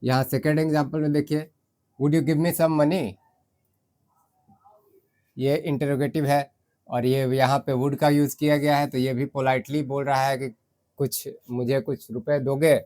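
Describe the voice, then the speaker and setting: A man with an Indian accent teaches English grammar in Hindi, going step by step and reading the English example sentences slowly. His voice is medium in pitch, a little mellow, and his delivery is flat.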